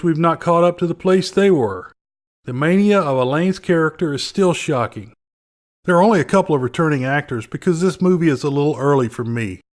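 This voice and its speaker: A man hosting a casual movie review podcast in a wry, joking way. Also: a little high. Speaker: podcast host.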